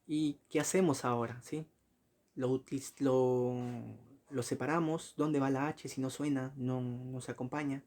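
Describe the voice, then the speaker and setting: A man giving a recorded slide lecture, often correcting himself, asking short checking questions and spelling out examples slowly. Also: medium pitch, fairly even intonation, a little mellow. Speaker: teacher.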